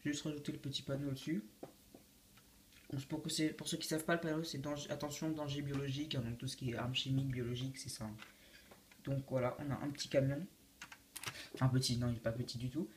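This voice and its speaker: A teenage boy presenting his Lego build for his channel in a casual, halting way, often restarting his sentences. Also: mid-range voice, steady tone, slight background noise. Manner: hesitant, many fillers and restarts. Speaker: YouTube host showing a Lego build. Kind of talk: casual video walkthrough.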